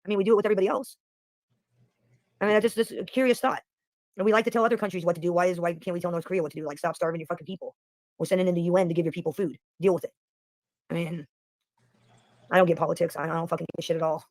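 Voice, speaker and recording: Fast-talking profane American man ranting. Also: sits high, no echo. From United States. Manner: rambling, profane, opinionated. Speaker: livestream host. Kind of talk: casual political rant on a livestream.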